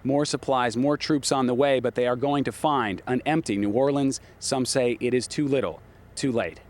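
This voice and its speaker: A man delivering scripted television news reporting with measured, dramatic emphasis. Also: medium pitch. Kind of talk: scripted broadcast news narration.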